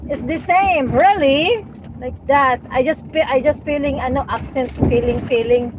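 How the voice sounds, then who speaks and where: A Filipina vlogger with a Bisaya accent, chatting casually on a live stream and greeting viewers by name. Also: female voice, high voice, moderate pace, background noise. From Philippines.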